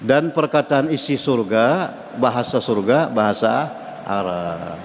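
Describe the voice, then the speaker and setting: A man's voice: mid-range voice, unhurried. Fields: Sex: man. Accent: Banjar. Role: mosque teacher. Style: study-circle lecture. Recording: echoey hall with long reverb, faint noise. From South Kalimantan, Indonesia. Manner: conversational, asks the audience questions and chuckles. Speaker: religious teacher.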